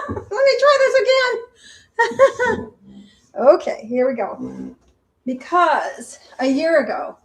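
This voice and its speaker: An older woman with a high voice talks casually while she cooks in her home kitchen. She chats in a friendly, homey way, narrating each step as she goes. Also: low-quality recording. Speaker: vlogger. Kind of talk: casual cooking vlog.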